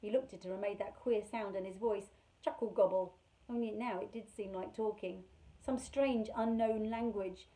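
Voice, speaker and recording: Mellow-voiced woman reading to children. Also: mid-range voice, poor audio. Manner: measured, expressive, slows on key words. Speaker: storyteller for children. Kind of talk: reading a children's novel aloud.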